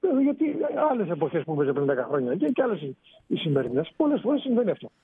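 A man, a sports reporter phoning in to a radio show, explaining in an animated way. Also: on the high side, breathy edge. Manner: explanatory, animated, rising emphasis. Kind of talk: sports radio phone-in analysis. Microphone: phone. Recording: tinny phone line on radio.

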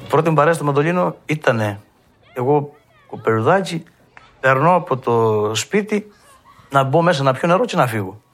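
Cretan man telling mandolin stories. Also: on the high side. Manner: lively storyteller who acts out past dialogue. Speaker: mandolin player. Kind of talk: reminiscing storytelling.

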